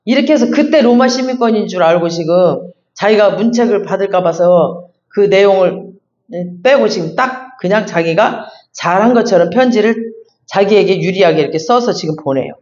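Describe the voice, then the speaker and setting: A man with a high-pitched voice preaches an expository sermon. He reads each verse, then explains it in a casual, emphatic way. The sound is dull and echoes around a church hall. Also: lively intonation, normal speed, a little mellow. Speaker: pastor. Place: church sanctuary.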